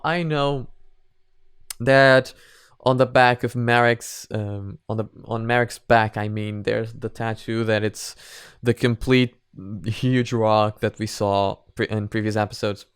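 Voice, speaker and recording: A man with a smooth, medium-pitched voice offers unscripted, casual reaction commentary on an animated parody series, acting as a video reviewer. He's hesitant and rambling, often repeating himself, captured in a dry recording with clean studio sound.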